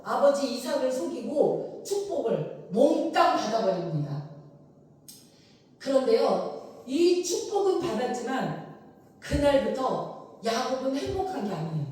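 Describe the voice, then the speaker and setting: A woman pastor preaching a sermon, telling the story vividly and acting out quoted lines. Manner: animated storytelling, acting out quoted lines with big pitch swings. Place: church sanctuary. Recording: echoey hall picked up from far off.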